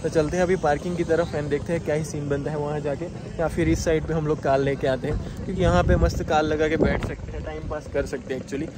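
Holding his phone at arm's length, a young travel vlogger talks to his viewers as "guys" from a foggy, rainy hilltop, keeping things casual and chatty. His voice sits on the high side, with fairly even intonation and a quick pace broken by few pauses. The outdoor phone audio carries clear background noise.

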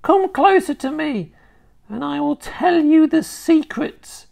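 A creepy old grandmother with a witch's edge. She pitches far above the reader's own voice with a shrill, cackling sound, then sinks into a throaty, gravelly whisper. Her words stretch out slowly and her pitch swoops widely. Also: expressive, darkish tone, full character voice. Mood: shrill, taunting. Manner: slow, drawn-out menacing delivery. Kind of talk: storybook reading.

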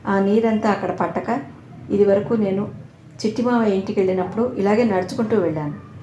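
Woman voicing a gentle old grandmother. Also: mid-range voice, brisk, muffled recording, a little hiss or hum, lightly acted. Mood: tender. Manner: soothing, tender. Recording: roomy echo.

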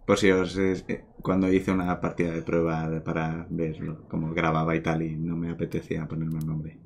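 A man's voice: extremely low pitch, completely flat delivery, moderate pace, a little mellow, slight background noise. A man with an accent from Spain giving casual game commentary as a let's play streamer.

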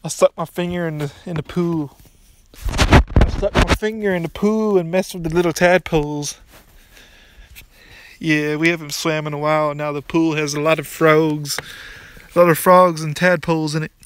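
A man's voice: fairly high pitch, steady tone, normal speed, long pauses, clear, resonant tone, no room sound. A young man casually commenting on his gameplay, rambling and restarting his sentences, recorded on a phone outdoors by a pool. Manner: rambling, restarts often, mildly crude. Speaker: gaming YouTuber.

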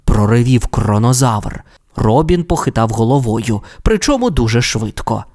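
A man narrating a children's audio fairy tale with expressive, animated storytelling. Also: mid-range voice, normal speed.

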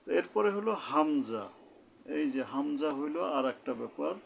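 A man with a gravelly voice explains each letter in a slow, careful lesson. He says every sound over and over at an unhurried pace. A faint hiss of noise sits under the recording. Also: on the high side, animated. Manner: repeats each letter sound slowly and deliberately. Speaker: Quran recitation teacher.

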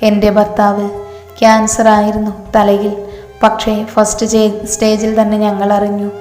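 A woman's voice: mid-range voice, completely flat delivery, normal speed, darkish tone, close to an everyday voice. A woman voicing a kindly older mother. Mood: soothing. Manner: soothing, consoling. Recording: echoey hall, faint music.

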